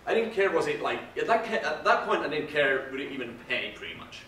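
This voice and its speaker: A man's voice: a little high, very animated, fast talker, bright, forceful tone. A man speaking casually at a conference, rambling and self-deprecating. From Finland. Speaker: conference speaker, sound designer. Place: large conference hall. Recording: echoey hall, distant mic, faint noise.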